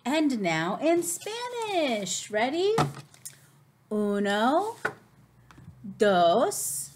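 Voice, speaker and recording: A woman teaching preschoolers as host of a children's lesson, speaking slowly with exaggerated, cartoonish sing-song intonation. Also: sits high, wildly swooping pitch, noisy background. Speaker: preschool teacher hosting circle time.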